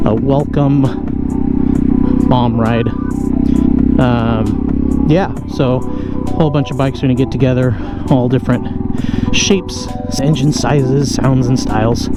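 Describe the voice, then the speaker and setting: A man vlogging casually from inside a motorcycle helmet as he rides, rambling in a jokey, self-deprecating way. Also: mid-range voice. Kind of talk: casual rambling chat while riding. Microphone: close mic inside the helmet. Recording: inside motorcycle helmet, music bed, engine noise.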